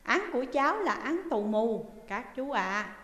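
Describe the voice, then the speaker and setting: A woman voicing a lonely, talkative young boy prisoner with a high, whining voice. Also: lively intonation, measured pace, a bit bright, reverberant, long reverb tail. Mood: plaintive. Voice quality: high chirpy whine.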